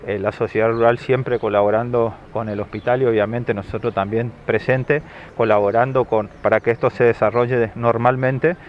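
Argentine man explaining haltingly, slightly muffled. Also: medium pitch, flat delivery. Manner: halting, explanatory, speaking through a face mask. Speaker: health worker interviewee. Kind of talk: interview answer. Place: outdoors under trees at fairground. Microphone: handheld interview microphone. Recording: dull sound, faint outdoor noise.

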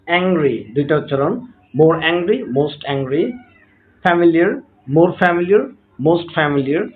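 A man teaches a grammar lesson at an unhurried pace, stretching each example word out carefully. His voice sits a little high. The sound is thin and phone-like. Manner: slow, patient, drawn-out word examples; repeats a set phrase after each point. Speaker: English teacher. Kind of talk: grammar lesson explaining notes.

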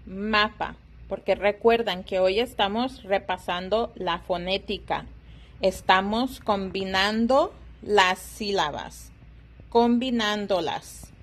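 A woman teacher leads a phonics lesson for young children. She speaks very slowly and draws out each sound and syllable. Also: medium pitch. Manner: slow, drawn-out syllables.

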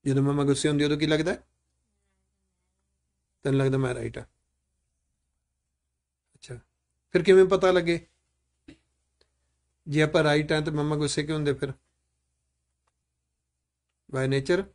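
A man's voice: a little high, moderate pace, long pauses, a little mellow. Male teacher questioning a class. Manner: asks many questions, urges children to speak up. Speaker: teacher leading a class discussion. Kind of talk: live classroom Q&A with children.

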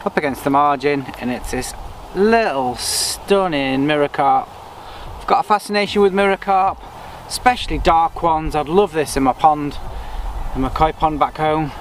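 This angler vlogger has a slightly high voice and speaks at an ordinary pace, casually narrating each step of his fishing on a lake bank. He's recorded by a camera set on the bank before him, with a little outdoor sound in the background.

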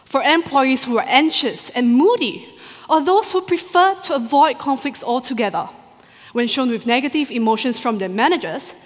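A woman doctoral researcher giving a rehearsed competition talk to a live audience in a large hall, expressive and full of rhetorical questions. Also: sits high. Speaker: doctoral researcher presenting her thesis. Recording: long hall reverb.

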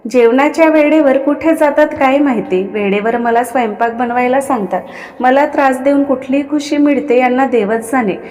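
A woman's voice: on the high side, measured pace, dark tone, in a large hall, lightly acted. A woman voicing a young wife who is hurt, flustered and exasperated, speaking in a raised, plaintive tone.

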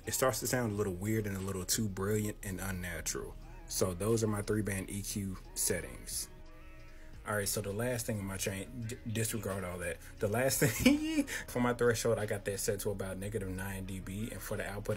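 In a small home room, a man in his thirties walks through his audio setup in a relaxed tutorial. His voice is deep and boxy, his talk slangy and easygoing, and he holds the handheld mic close to his mouth.

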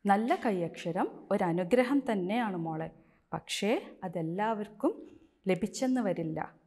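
A gentle mother from a storybook comforts her young daughter, as a woman teacher reads her part. She speaks softly and reassuringly. The voice stays at a middle pitch. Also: normal speed, natural voice. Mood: soothing. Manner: soft, soothing and reassuring. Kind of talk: read-aloud story dialogue.

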